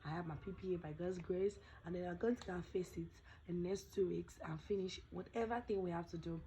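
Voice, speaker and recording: A young adult Nigerian woman tells stories in a casual vlog, chatting with pidgin phrases while her voice hasn't fully recovered. Her voice sits on the low side, fairly even and quick, and mellow. The recording is rough, with a little hiss or hum.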